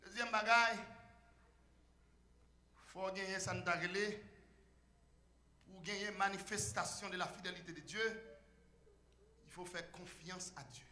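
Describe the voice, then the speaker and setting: A male pastor preaching a fiery sermon, shouting call-and-response to the church, then dropping to quiet asides. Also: high voice, roomy sound.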